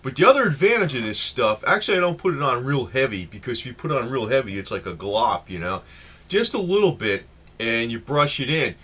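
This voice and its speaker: A man in his late fifties talks casually to the camera, rambling from point to point with plenty of fillers. His voice is bright and forward at a middle pitch. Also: very animated, fairly quick, slightly rough. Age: 50s. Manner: rambling, chatty, many fillers. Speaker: vlogger.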